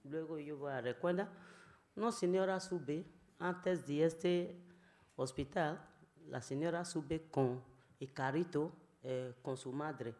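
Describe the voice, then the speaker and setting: Woman telling her own story, slow halting broken spanish, lots of ums, emotional. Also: deep voice, a little mellow. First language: not Spanish. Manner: halting, learner's Spanish with many fillers; emotional, pleading. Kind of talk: personal testimony.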